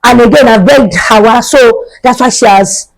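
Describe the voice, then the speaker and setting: A woman's voice: on the high side, moderate pace, creaky, rough recording. Stern school principal, as a woman quotes him.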